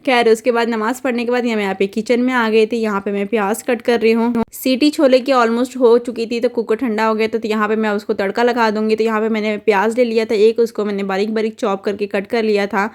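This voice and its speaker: A woman's voice: on the high side, flat delivery, a little fast, few pauses, a little mellow. Chatty young mother narrating her day. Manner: chatty, homely, full of fillers and restarts. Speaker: vlogger and mother. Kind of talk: casual voice-over narration of a daily routine.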